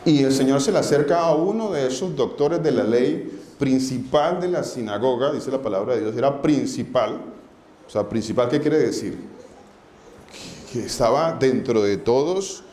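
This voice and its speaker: A man's voice: medium pitch, lively intonation, moderate pace, darkish tone. Man, pastor, sermon, rhetorical questions, roomy echo, faint hiss. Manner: preaching with rhetorical questions and repetition. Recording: echoey room with faint background noise.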